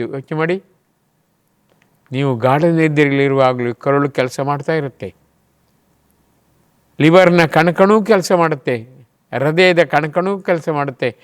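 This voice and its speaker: A middle-aged man giving a devotional talk, acting out quoted voices and swinging between soft and loud delivery. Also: on the high side. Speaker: spiritual speaker.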